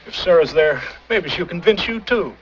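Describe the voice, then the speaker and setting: An actor playing a wary, matter-of-fact pal in 1940s screwball comedy banter, on a muffled old film soundtrack. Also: male voice, high voice, lively intonation, normal speed. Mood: wary, dry.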